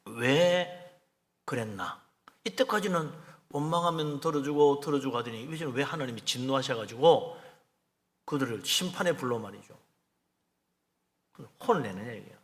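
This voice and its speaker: A man's voice: mid-range voice, animated, moderate pace, pauses often, in a large hall. A male pastor preaching a midweek Bible sermon in a conversational way, acting out the lines he quotes. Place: church sanctuary.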